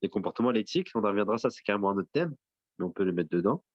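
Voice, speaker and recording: A man's voice: fairly low pitch, lively intonation, racing, darkish tone, no room sound, muffled recording. A man teaching an interactive class. He asks his students questions, repeats their answers back, and mixes in Arabic religious terms.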